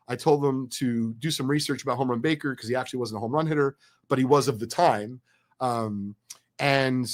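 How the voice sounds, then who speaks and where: Excitable chatty man telling a story. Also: fairly high pitch. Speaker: card collecting business guest. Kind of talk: animated storytelling.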